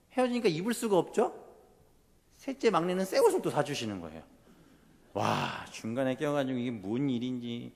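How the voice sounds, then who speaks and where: A man preaching a sermon, telling a childhood story and then building to fervent emphasis. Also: mid-range voice. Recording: long hall reverb.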